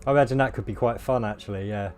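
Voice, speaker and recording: A man with a hoarse voice, chatting casually with viewers on a game livestream. He rambles and fills pauses with ums and uhs. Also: fairly low pitch, darkish tone, faint music behind. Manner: rambling, many fillers, laughs at himself. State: losing his voice, coughing. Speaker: game streamer. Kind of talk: casual live-stream chat with viewers.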